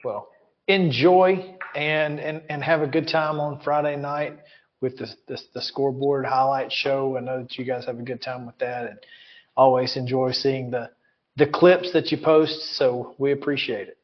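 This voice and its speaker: A man's voice: mid-range voice, steady tone, normal speed. A man hosting a casual sports talk show, easygoing and chuckling, often repeating words as he goes. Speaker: sports radio host. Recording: dull lo-fi sound.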